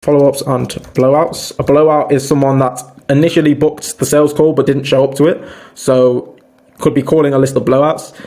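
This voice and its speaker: A man's voice: mid-range voice, level tone, moderate pace, warm tone. A man giving an informal sales training talk, addressing listeners as "boys" and often restarting his sentences. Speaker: sales coach. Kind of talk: casual online training talk.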